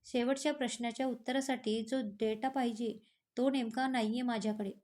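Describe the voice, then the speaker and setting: Narrator voicing a young man, teasing, caring, fairly high-pitched. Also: fairly even intonation, fairly quick, a little mellow, natural voice.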